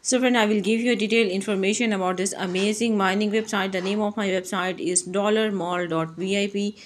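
Female channel host, tutorial voice-over, steady mid pitch, calls viewers friend. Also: a little fast, slight background noise. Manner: repetitive, addresses viewers as friend, non-native English phrasing. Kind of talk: screen-recorded tutorial walkthrough. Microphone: voice-over on phone screen recording.

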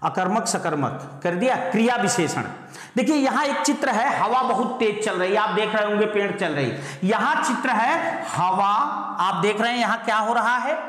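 A male teacher drills his students with question after question, fondly calling them "beta". He stretches each example sentence out word by word so no one can miss it. His voice booms around a very echoey room with a long, ringing reverb. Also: expressive, a bit bright. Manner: slows right down to spell out example sentences. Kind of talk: online exam-prep grammar lesson.

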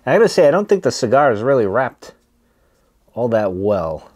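A man's voice: mid-range voice, sing-song, moderate pace, a little mellow. A man in his thirties chatting casually to the camera as he reviews tobacco, laid-back and hesitant, trailing off between puffs on a cigar. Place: small wood-paneled room, indoors.

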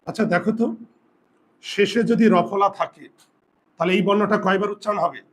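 High-voiced man teaching a lesson. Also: steady tone, fairly bright tone. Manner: questioning, repeats words slowly for students. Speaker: Bengali grammar teacher. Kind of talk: classroom lesson.

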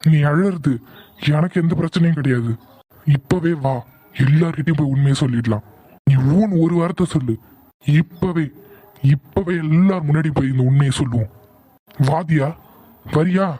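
A man's voice: fairly high pitch, normal speed, pauses often, dark tone, no room sound, natural voice. Man voicing Aadhi, a hot-tempered cartoon husband. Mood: angry. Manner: scolding, commanding. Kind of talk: cartoon voice acting.

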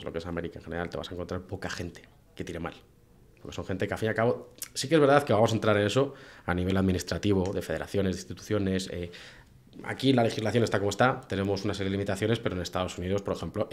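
Fast-talking Castilian Spanish man. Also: sits low. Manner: animated storytelling with acted-out quotes and mild swearing. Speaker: podcast guest, hunting professional. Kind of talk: casual podcast conversation. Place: small indoor podcast studio. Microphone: close boom-arm studio microphone.

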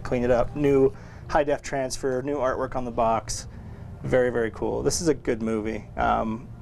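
A man's voice: mid-range voice, creaky, a little mellow, slight background noise. A man hosting a casual weekly store update, talking loosely about new movie releases with fillers and restarts. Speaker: record store host.

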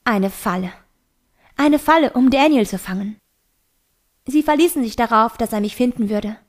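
A woman's voice: on the high side, moderate pace. Woman reading a novel aloud. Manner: steady first-person storytelling. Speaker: audiobook reader.

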